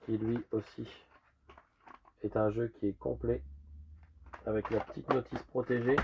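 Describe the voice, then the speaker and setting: Casually showing off his collection for sale, a retro game collector rambles in a medium-pitched voice gone rusty and hoarse from a lingering cough. There's background noise in the recording.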